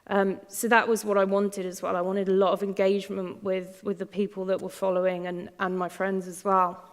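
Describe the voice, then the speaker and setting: A woman's voice: medium pitch, flat delivery, brisk. Woman speaker telling her own story to an audience, casual and candid, in a reverberant hall. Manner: chatty, candid, laughs often, many fillers and restarts. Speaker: speaker giving a talk. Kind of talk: personal story talk to an audience. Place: large lecture hall.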